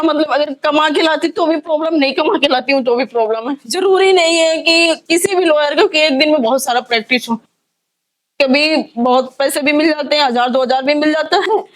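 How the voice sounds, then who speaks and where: A woman's voice: sits high, brisk. A woman lawyer speaking in a news interview, pleading and distressed as she talks.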